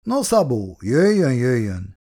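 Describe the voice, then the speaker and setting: A formal schoolteacher speaks in measured tones, read by a man. His pitch moves a lot. It is a storybook reading. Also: wildly swooping pitch, warm tone. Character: male schoolteacher, formal and probing. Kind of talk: reading a novel aloud.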